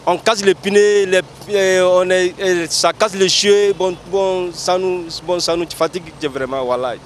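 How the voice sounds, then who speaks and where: Male driver, high voice, grumbling roadside interview, faint traffic noise behind. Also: steady tone, a little slow. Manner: complaining, repetitive.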